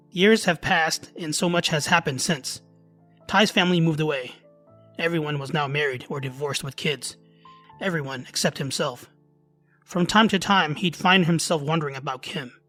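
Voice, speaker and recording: A man narrating a love story in a steady storytelling way. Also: fairly high pitch.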